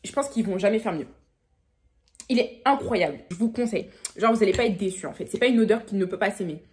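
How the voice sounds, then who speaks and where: A woman, chatting casually to camera in a vlog, talking quickly with many fillers. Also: mid-range voice. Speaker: vlogger.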